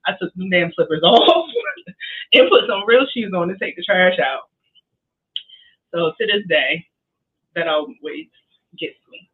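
A woman's voice: fairly low pitch, lively intonation, unhurried, long pauses, breathy edge. A woman co-hosting a podcast, telling casual stories and laughing often as she talks. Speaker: podcast co-host. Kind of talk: casual storytelling. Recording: tinny phone-like line.

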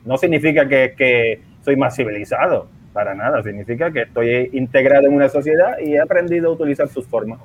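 A man from Puerto Rico with a Puerto Rican Spanish accent, partly softened by years in Spain, speaking as a guest in a casual conversation and explaining things at a measured pace. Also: mid-range voice, a little hiss or hum. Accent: Puerto Rican Spanish, partly softened by living in Spain. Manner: explanatory, measured, chuckles often. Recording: tinny phone-like remote line.

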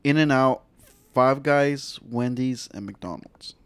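A man's voice: mid-range voice, slow pace, clean tone, dry recording. A man with a mid-range voice reads the next question to his friends. He talks casually and hesitantly, full of ums and likes. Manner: hesitant, with fillers. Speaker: podcast co-host reading questions. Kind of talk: casual group chat.

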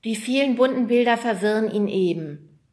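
A woman voicing a kind, soft-hearted young girl who speaks gently. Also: on the high side, normal speed, pitched above the performer's own voice, natural voice. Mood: caring.

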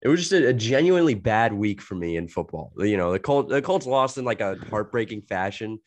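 A man's voice: lowish voice, expressive, a little fast, a little hiss or hum. A young man co-hosting a podcast in casual chat, sick with a cold and coughing, rambling with lots of "like" and laughing as he talks. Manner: rambling, heavy filler "like", laughs a lot. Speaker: podcast co-host.

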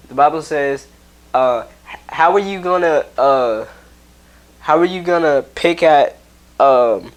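A man who is a pastor, preaching casually to camera in a rambling way, interrupting himself and laughing at his own remarks. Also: medium pitch.

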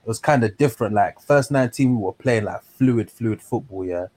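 A man's voice: lowish voice, fairly quick, a little mellow. A man with a London accent hosting a casual discussion in a slangy, conversational way. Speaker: discussion host. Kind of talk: casual chat.

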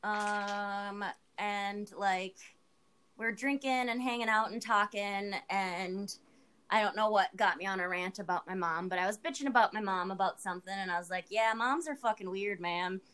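Bright-voiced woman chatting candidly. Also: medium pitch, steady tone, normal speed, clear, resonant tone. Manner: candid, laughs often, crude humor. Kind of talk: casual chat.

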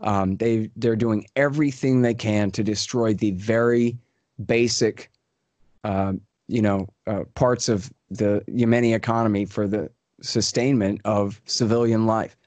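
A man's voice: lowish voice, fairly even intonation, a little mellow, dry recording. Emphatic man, dry sound. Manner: emphatic, repetitive, fast-talking with fillers. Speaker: guest commentator. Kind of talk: political commentary.

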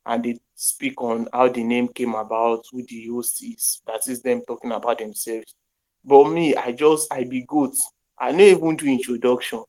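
The recording is rough as a young Nigerian man with a Nigerian accent hosts a podcast via internet call. Speaking at a moderate pace in a medium-pitched, slightly mellow voice with fairly even intonation, he jokes casually in pidgin and English sprinkled with Yoruba phrases.

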